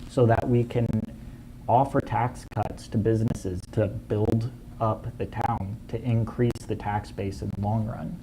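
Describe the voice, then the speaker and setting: A man running for city council, answering at a forum in an earnest, slightly halting way. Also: fairly low pitch, fairly even intonation, gravelly, noisy background.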